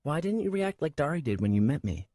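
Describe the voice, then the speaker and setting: Brief: a man playing a shy, moody young woman in a fantasy audiobook; higher, soft and timid, a sing-song lilt. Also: very animated, fast talker, no echo, studio quality. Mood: glum. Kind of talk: audiobook character voice.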